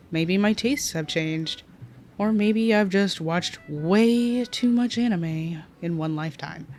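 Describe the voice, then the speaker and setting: Candid self-mocking young woman vlogger. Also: on the low side. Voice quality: says she sounds nasal. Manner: candid and self-mocking, swearing, laughing at own flubs. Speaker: anime commentary vlogger. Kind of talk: casual scripted commentary with outtakes.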